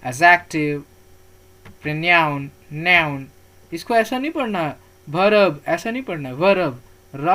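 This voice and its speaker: A man teaching grammar terms on slides. He repeats key words slowly for pronunciation, asks questions and answers them himself, and tells learners not to worry. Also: sits high.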